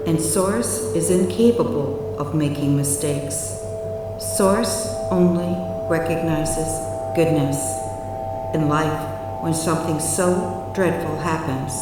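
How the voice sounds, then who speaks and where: A woman with a low voice narrates a guided meditation over music. She is soothing and unhurried, pausing often between phrases. The recording is distant and swimming in reverb. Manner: soothing, measured, with long pauses. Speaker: hypnotherapy guide. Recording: very echoey, long reverb, distant.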